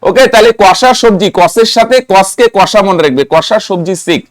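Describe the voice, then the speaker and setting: A man's voice: high voice, normal speed, no echo. Man, math teacher, raised voice, dry close sound, chants memory rhymes. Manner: rhythmic mnemonic chanting, asks students questions. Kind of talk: classroom lesson.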